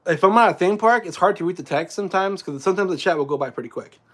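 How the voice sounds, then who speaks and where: A man with a slightly high voice sits and chats on his live stream. He rambles through his thoughts, restarting sentences and filling gaps with fillers as he reads viewers' messages. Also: lively intonation, fast talker. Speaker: theme park vlogger and live streamer. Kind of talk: casual live stream chat.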